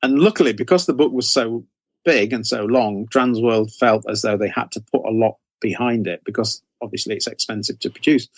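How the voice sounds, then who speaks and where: A British man in his 60s, a horror author, tells stories from his career as an interview guest. His medium-pitched voice moves fairly quickly and conversationally, circling back on phrases, and the recording is dry with no echo.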